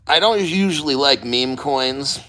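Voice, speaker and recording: Speaking a little slowly in a mid-range voice with lively intonation, pushed and bright, a man livestreams from a cold water plunge. He hosts a crypto channel and talks bluntly and casually, rambling motivationally and swearing along the way.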